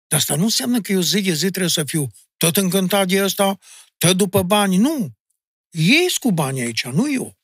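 A middle-aged man with a Maramureș Romanian accent tells stories in a casual podcast chat. He is emphatic and insistent, and his husky voice swings widely in pitch. The sound is dry and close to the mic. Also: no room sound. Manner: animated storyteller, addressing the host bluntly with "mă" and "domne". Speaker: guest, folk singer and music teacher.

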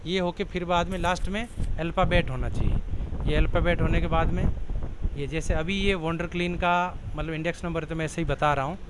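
Guy doing a software tutorial, bit high voiced, explains each screen step by step. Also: fairly quick, heavy background noise. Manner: plain explanatory, walks through options one by one.

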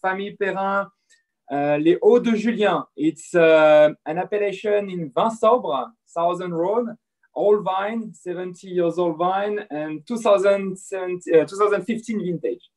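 Higher-voiced man, hesitant toast. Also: a little slow, a little mellow. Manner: hesitant toast with many fillers. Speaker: winery guest. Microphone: video call.

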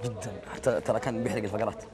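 A man's voice: lowish voice, steady tone, racing, darkish tone. A man with a Gulf Arabic accent chatting casually and animatedly in a group, often repeating his words insistently. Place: large walled courtyard set with a group of men.

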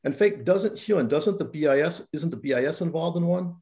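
A man in his sixties debating on a video call, insistent and quick to interrupt. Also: fairly high pitch, expressive, dark tone. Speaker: panelist, economist.

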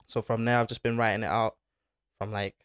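The guest, a young footballer, talks casually on a podcast in slang-heavy style, throwing in "bro" and "innit." He has a lowish, level voice that's clear, resonant and fairly bright, a little fast, recorded with studio quality and no echo on a desk mic on an arm in a small foam-paneled room.

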